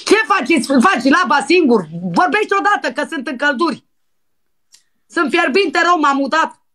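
A brazen young dancer, hungry and impatient, put on by a woman prank caller. She talks breathily and demandingly, with a fairly high voice. She swings from coaxing to shrill insistence. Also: close to an everyday voice. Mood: lustful, pushy. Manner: pushy and breathy, with crude demands. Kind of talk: prank phone call.

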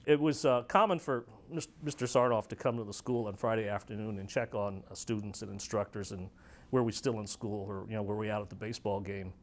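A man, a former student, telling a story in an interview with animated quotes. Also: lowish voice, fairly quick. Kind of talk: anecdotal interview.

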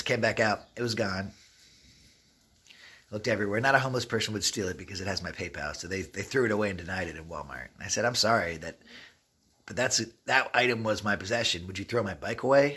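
Speaking to the camera from inside an open, derelict wooden shack, a husky, low-voiced travel vlogger rambles through streetwise stories, animatedly retelling them with quoted dialogue. It's a casual storytelling vlog, recorded on a phone or camera held at arm's length.

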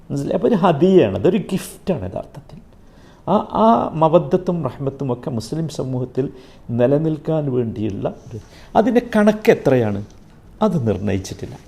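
A man teaching a Quran commentary class, keeps asking his listeners rhetorical questions and recites Arabic slowly and carefully. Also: on the high side, vocal fry, dark tone.

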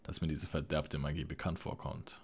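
Audiobook role: a fiery young sorceress, voiced by a man, sharp and indignant. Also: a bass voice, flat delivery, moderate pace, husky, exaggerated voice. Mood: outraged. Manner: sharp, outraged delivery.

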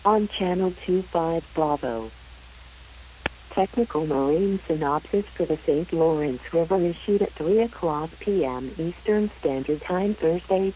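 A woman reading a marine weather forecast in a measured, even announcer delivery over a VHF marine radio broadcast. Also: low-pitched, highs cut off, a little hiss or hum.

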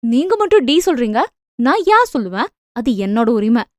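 A woman voicing a cheeky, playful young wife bantering quickly with her husband on the phone. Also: on the high side, expressive, a little mellow, dry recording, studio quality, natural voice.

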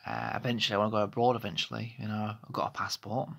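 Fast-talking and creaky, this man in his thirties has a fairly low, fairly bright voice with little pitch movement and a slightly rough grain. He rambles through a candid personal vlog with many restarts, phone held close in a small bedroom.

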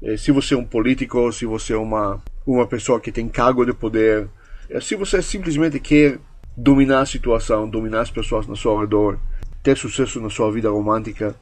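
Husky-voiced man coaching with emphasis. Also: medium pitch, fairly quick. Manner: emphatic, coaching, acts out short example dialogues. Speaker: language course instructor. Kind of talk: instructional talk.

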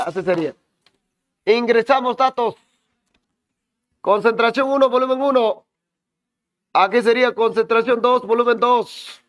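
A man's voice: very high voice, a bit bright, no echo. A man with a Peruvian Spanish accent teaching chemistry in a class, working through problems while joking with and teasing his students. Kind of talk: online class lecture.

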